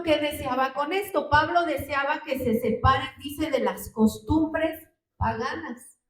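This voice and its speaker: Female preacher, high pitched, asks rhetorical questions, recorded from afar in a roomy hall. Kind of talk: sermon. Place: church hall. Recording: roomy hall, distant mic.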